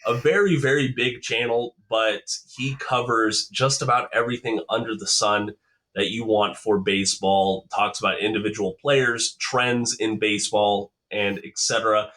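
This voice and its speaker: A young man hosting a sports podcast, upbeat, chatty, and quick to react with enthusiasm. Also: fairly low pitch, fairly even intonation, sharp tone. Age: young adult. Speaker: podcast host. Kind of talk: casual chat.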